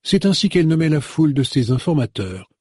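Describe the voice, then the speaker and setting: Precise old detective guy, as a man reads him, husky, slow and careful. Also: on the high side, very animated, a little mellow, dry recording, studio quality, voice pushed up. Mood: grave. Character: measured elderly male detective, precise.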